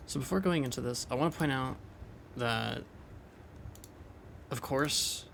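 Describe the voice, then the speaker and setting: A man's voice: medium pitch, unhurried, vocal fry, noisy background. A young man casually thinking aloud as he explains a game build over gameplay, loose and rambling with restarts. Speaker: game commentator.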